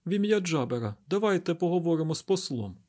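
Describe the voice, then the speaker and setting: A man reading an audiobook voices an anxious woman official, lifting his voice high and sounding nervous. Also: sing-song, fast talker, darkish tone. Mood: uneasy. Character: anxious female city official.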